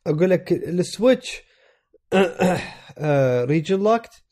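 A man with an Iraqi Arabic accent chatting casually as a podcast co-host, congested with a cold that affects his voice, halting as he searches for words. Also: high voice, animated, a little mellow. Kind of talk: casual chat.

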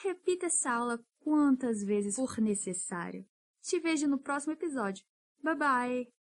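On a podcast pronunciation lesson, a female English teacher with a lively pitch patiently encourages listeners and drills words slowly.

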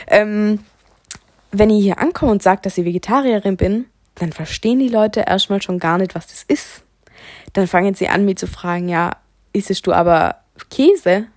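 A woman's voice: medium pitch, darkish tone, no echo. Young woman hosting her own podcast: outspoken, chatty, opinionated, close and dry recording. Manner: frank, chatty, opinionated storytelling. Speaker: podcast host. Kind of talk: casual solo podcast monologue.

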